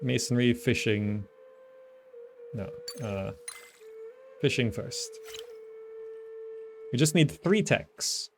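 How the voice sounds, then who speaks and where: With background game music playing, a gaming video host speaks at medium pitch, animated, drawing out his words and pausing often. His commentary is casual and thought-aloud, often trailing off as he muses to himself.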